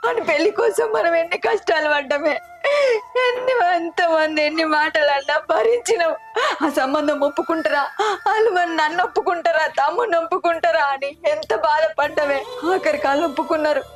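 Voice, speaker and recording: A tearful young daughter, played by a woman, sobs and pleads in a high voice with a Telangana Telugu accent. Her manner turns reproachful as she weeps, and soft music plays faintly underneath. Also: a little fast, close to an everyday voice. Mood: anguished. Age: young adult. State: crying. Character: grief-stricken young married daughter pleading with mother.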